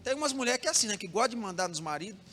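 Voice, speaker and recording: A man's voice: high-pitched, animated, very fast, bright, forceful tone. A young man with a Brazilian Portuguese accent preaching a sermon as pastor, telling a story with rhythmic repetition and speaking straight to the congregation. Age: young adult. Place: church hall. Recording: long hall reverb with music behind.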